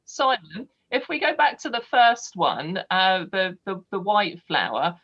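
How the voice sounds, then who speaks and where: A woman's voice: mid-range voice, very animated, measured pace. Chatty woman host, lo-fi call. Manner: chatty, asks questions with many fillers. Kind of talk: live online show interview.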